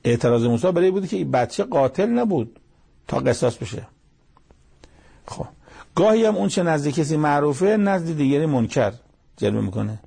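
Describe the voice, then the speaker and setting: Guy with a gravelly dark voice teaching religion, tells little everyday stories. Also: a little high, big pitch swings, long pauses. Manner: storytelling with everyday examples, quotes Arabic verses. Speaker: religious lecturer. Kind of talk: religious lecture.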